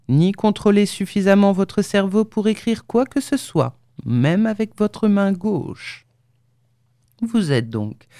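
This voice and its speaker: A woman reading the lines of a calm, clinical male surgeon with quiet menace in an audiobook. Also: mid-range voice, no room sound, clean studio sound. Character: cold scheming male surgeon, middle-aged.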